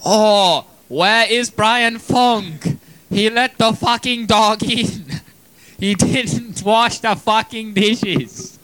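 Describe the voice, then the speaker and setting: A man imitating a furious middle-aged father, yelling in a shrill, drawn-out voice. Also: heavily acted.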